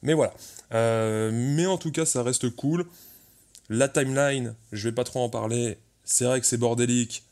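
A man's voice: mid-range voice, moderate pace, a little mellow. A man co-hosting a casual podcast, talking in a rambling, joking way with lots of fillers and slang. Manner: rambling with many fillers and restarts. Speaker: podcast co-host.

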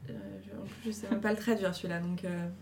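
A woman's voice: medium pitch, fairly even intonation, fast talker, a little mellow, slight background noise. A woman casually giving viewers encouraging advice, chatty and full of fillers. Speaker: host giving writing advice.

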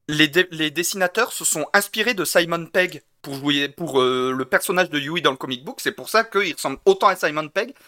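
Bright-voiced high man, dry close sound. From Basque Country. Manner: joking, animated, cuts in often. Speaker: podcast co-host. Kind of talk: casual chat.

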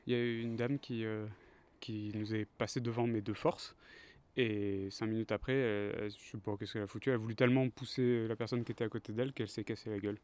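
A man's voice: fairly low pitch, fast. Man casually recounting travel stories. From France. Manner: relaxed anecdotal storytelling. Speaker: co-host of a travel podcast. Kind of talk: casual chat.

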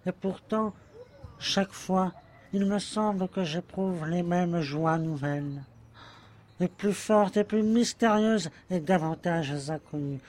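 A man playing an adoring, anxious young lover in an amateur audio drama, talking tenderly and pressing for answers. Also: high voice. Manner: tender, pleading, insistent. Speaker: voice actor.

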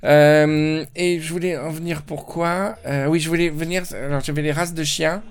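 A woman's voice: low voice, steady tone, normal speed, clear, resonant tone. A woman hosting a casual podcast chat, teasing and joking with her guests. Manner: teasing, joking, puts on silly voices. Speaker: host. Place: studio.

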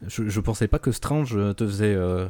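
A man's voice: on the low side, normal speed, warm tone. A man on a casual podcast panel, making wry, needling remarks.

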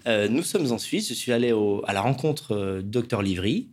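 Male host with a husky voice, lots of euhs, asking his guest questions. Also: fairly low pitch, expressive, normal speed. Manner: short encouraging interjections, filler-heavy questions. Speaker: show host, interviewer. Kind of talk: interview.

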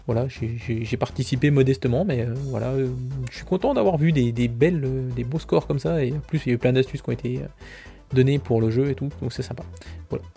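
A man's voice: medium pitch, fast, gravelly, dark tone, faint music behind. A man hosting a podcast, running through a casual news roundup with chatty, self-mocking asides and frequent fillers. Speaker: podcast host.

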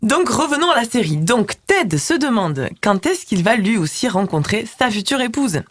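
A woman columnist on a radio show, recapping a TV series with lively quips. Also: on the high side, normal speed.

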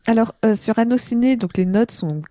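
Casual podcast panelist: woman, twenties, hoarse gravelly voice from a cold, mellow dark tone, close dry sound. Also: a little high, moderate pace, no room sound. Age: 20s. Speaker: podcast panelist reading out reviews. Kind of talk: casual chat.

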